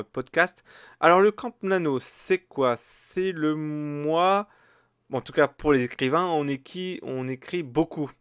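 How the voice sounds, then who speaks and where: A man's voice: mid-range voice, fairly bright tone, smooth, no room sound, clean studio sound. A man hosting a casual solo podcast, rambling with many fillers and restarts. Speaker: podcast host.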